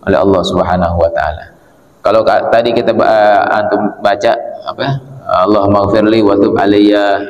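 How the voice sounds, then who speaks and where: A man giving a relaxed, conversational religious study talk in a mosque and answering questions from the congregation. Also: mid-range voice. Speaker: religious teacher. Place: mosque hall. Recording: echoey mosque hall with long reverb.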